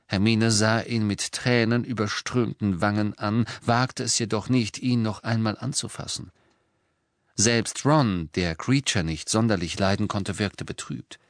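Reading scripted audiobook narration, a man keeps his storytelling calm and even. His voice is on the lower side, recorded dry with a clean studio sound.

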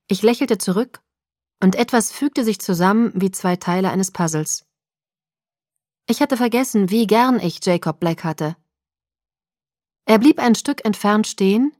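A woman reading first-person narration for an audiobook in an even, measured way. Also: medium pitch, dry recording, studio quality.

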